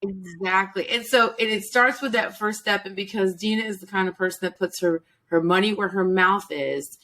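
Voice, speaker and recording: A woman's voice: medium pitch, moderate pace, bright, forceful tone. A middle-aged woman hosting a casual interview, chatty, repeating phrases and laughing easily. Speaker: host.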